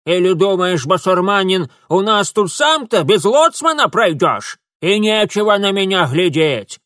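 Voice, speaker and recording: A man voicing a shrill, bossy old village woman who scolds in rustic dialect in an audiobook. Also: a bit bright, dry recording, clean studio sound. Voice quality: shrill, screeching. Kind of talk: audiobook character voice.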